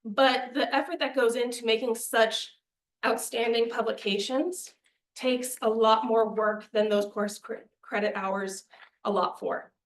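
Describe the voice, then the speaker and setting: A young woman, her voice a little high, pitches a student media budget to a committee in an unhurried, steady tone. Earnest, persuasive and a touch breathless, she's recorded in a meeting room with noticeable echo.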